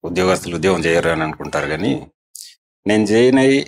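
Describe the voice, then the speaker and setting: A man, a police circle inspector, answering interview questions in a measured, formal way. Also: low voice, lively intonation.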